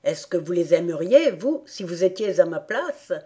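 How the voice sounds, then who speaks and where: A woman reading an audiobook, voicing a frightened, indignant male rat in a low voice. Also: sing-song, normal speed, warm tone. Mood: wary.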